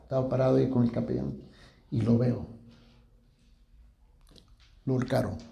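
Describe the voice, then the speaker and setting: A pastor with a dark, gravelly voice tells a testimony from the pulpit. He is a man who often sinks into a hushed tone at grave moments. His voice rings in an echoey room. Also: mid-range voice, steady tone, normal speed. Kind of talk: preaching a testimony story.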